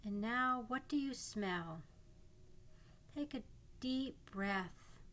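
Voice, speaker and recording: A woman narrating a guided imagery meditation in a calm, soothing way, leaving long pauses between gentle instructions. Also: fairly high pitch. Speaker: psychotherapist guiding a meditation.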